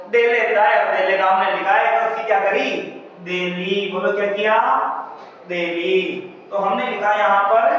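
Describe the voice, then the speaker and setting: A high-voiced male teacher runs a classroom lesson, firing questions and having students repeat answers back to him. His voice carries from a distance through a strongly echoing room. The recording is dull and lo-fi, with a faint hiss behind it. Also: fairly bright tone. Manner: call-and-response questioning, addressing students as beta. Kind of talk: classroom exam-prep lesson. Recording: echoey room from far off, dull lo-fi sound.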